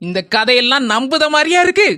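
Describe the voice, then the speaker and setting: A blunt angry daughter-in-law. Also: female voice, high voice, expressive, fast, sharp tone, slight background noise. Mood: sarcastic. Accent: Kanyakumari Tamil. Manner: blunt, threatening, sarcastic. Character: sharp-tongued young daughter-in-law, quick to anger. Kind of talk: cartoon voice acting.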